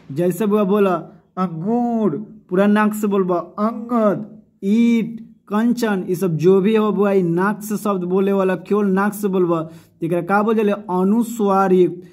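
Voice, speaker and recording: A man with a high-pitched, darkish voice teaches a grammar lesson, explaining by posing his own questions and repeating each term. He mixes Hindi with a Bhojpuri-like dialect and calls his pupils "bauaa".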